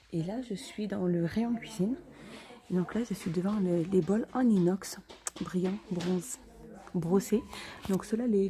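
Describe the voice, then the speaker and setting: Female shopping vlogger, mid-pitched and soft-toned, speech muffled through a face mask, informal and a little hesitant as she goes item by item. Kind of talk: casual store-tour narration. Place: inside a discount store.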